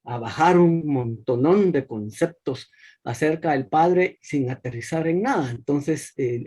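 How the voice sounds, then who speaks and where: A man's voice: mid-range voice, mellow, husky. A man commenting casually over a video call, colloquial and appreciative, speaking from his own experience. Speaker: conference participant. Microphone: video call microphone.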